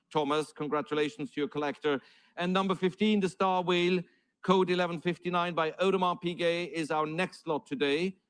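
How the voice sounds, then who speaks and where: A man's voice: fairly high pitch, a bit bright, clear, resonant tone. A man working as an auctioneer, calling numbers and bids live in formal, courteous patter.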